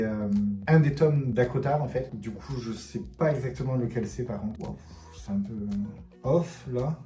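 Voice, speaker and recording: A man with a very dark, mellow voice hosts a relaxed book vlog, puzzling things out aloud and letting his words fade away quietly. His voice rings in a roomy space, with faint music underneath. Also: mid-range voice. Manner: thinks aloud, trailing off softly. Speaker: book vlogger. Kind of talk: casual book quiz vlog.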